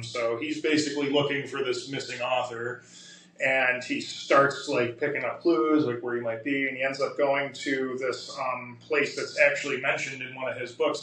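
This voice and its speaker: A man's voice: medium pitch, bright, forceful tone. A man co-hosting a podcast, chatting casually and rambling with lots of fillers and restarts, his voice a little worn. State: slightly losing his voice. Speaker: podcast co-host. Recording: echoey room, distant from the mic.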